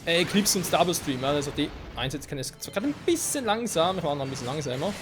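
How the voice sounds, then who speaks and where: Excitable gamer over loud game music. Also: male voice, on the high side, fast talker. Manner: excitable, talks to the game characters. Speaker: let's play gamer. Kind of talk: German gameplay commentary.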